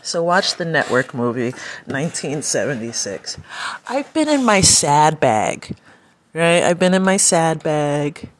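A woman's voice: low voice, big pitch swings, measured pace, slight background noise. A woman rambling through a casual personal vlog, talking to herself and breaking off now and then. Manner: rambling, self-talking, talks to her baby in between. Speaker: vlogger.

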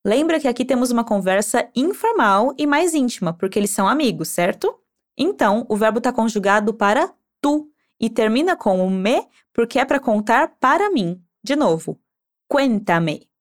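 A woman with a high, very lively voice leads a language lesson. She models each phrase slowly and patiently, then prompts the learner to repeat it. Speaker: Spanish teacher.

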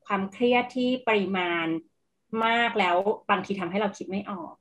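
A woman as an interview guest who explains stress in a clear teaching way, asking rhetorical questions and dropping in English terms. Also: mid-range voice, moderate pace, fairly bright tone.

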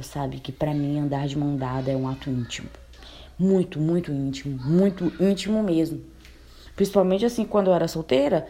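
Laughing woman in her twenties, low-voiced. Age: 20s. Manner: animated, laughing, quotes herself and her date. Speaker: storyteller recounting a bad date. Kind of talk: casual storytelling.

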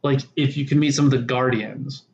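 In a laid-back podcast conversation, a male co-host teases and rambles, frequently interrupting himself before finishing a thought. He speaks a little fast at medium pitch, with little pitch movement and a darkish tone. The audio is lo-fi, dull, and roomy, with faint background noise.

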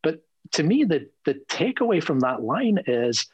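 A man speaking as a lawyer guest in a conversational interview, earnest and animated, often repeating words as he thinks aloud. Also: on the high side, normal speed, breathy edge, no echo, muffled recording.

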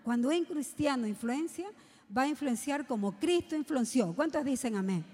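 A woman's voice: high-pitched, lively intonation, moderate pace, mellow. A woman preaching a sermon to young people, asking the congregation rhetorical questions. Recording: long hall reverb.

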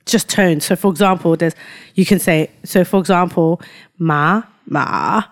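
Her voice sits on the low side and her pace is a little slow. She's co-hosting a podcast in relaxed banter, dropping slang like "fam" and "yeah" out of habit and leaning on examples and asides to explain things.

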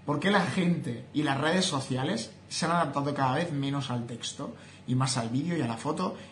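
A man's voice: medium pitch, normal speed, a bit bright, slight background noise. Opinionated Spanish man in a roomy echo. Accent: Spain Spanish. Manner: opinionated, talks straight to viewers. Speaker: social media content creator. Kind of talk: casual vlog monologue. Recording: roomy echo, faint ambience.

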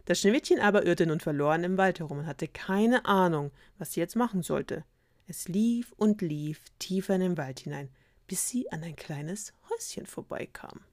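A woman's voice: on the low side, expressive, normal speed, dry recording, studio quality. A woman retelling a fairy tale casually, with ironic, slangy asides. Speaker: storyteller.

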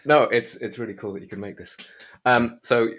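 This man hosts a podcast in a relaxed, chatty way. His voice is medium-pitched and a little bright, moving at a normal pace.

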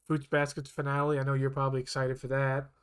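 Fast and smooth, with a medium pitch, a man co-hosts a podcast in casual conversation. He rambles, keeps restarting, and self-corrects, all in an even tone.

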